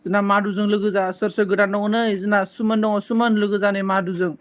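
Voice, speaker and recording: A man's voice: sits high, flat delivery. A man casually chatting on a live stream, reading out viewer comments and teasing them back, with frequent coughs. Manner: slow, playful teasing banter with frequent coughs.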